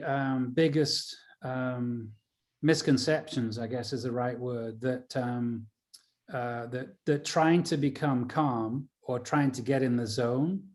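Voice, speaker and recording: A man's voice: mid-range voice, darkish tone. A man speaking on a video call, in an ordinary mid-range voice. He rambles through casual talk, full of fillers and restarts. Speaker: golf caddie and coach. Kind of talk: casual conversation.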